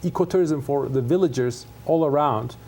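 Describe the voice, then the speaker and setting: A man's voice: a little high, normal speed, warm tone. A middle-aged man from Turkey, Turkish native speaker, talking earnestly in a TV studio interview as a conservation scientist, with many fillers and restarts. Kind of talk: casual interview talk.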